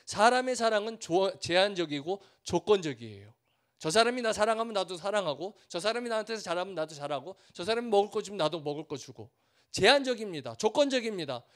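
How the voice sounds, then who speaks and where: A bit bright and animated, a Korean missionary with a high-set male voice moves quickly through a storytelling sermon. He speaks with earnestness, layers repeated phrases, and imitates the villagers in his accounts.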